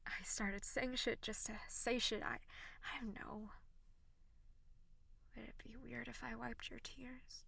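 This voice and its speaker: In an audio role-play, a young woman with a fairly high voice plays a snappy tsundere tutor whose sharp scolding gives way to halting, breathy near-whispers. The mood turns soft and remorseful.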